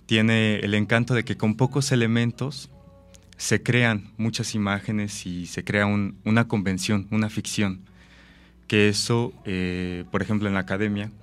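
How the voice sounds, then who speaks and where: Man, low voice, reflective interview talk, faint music behind. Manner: thoughtful, explains with examples and rhetorical questions. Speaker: actor and director, interview guest.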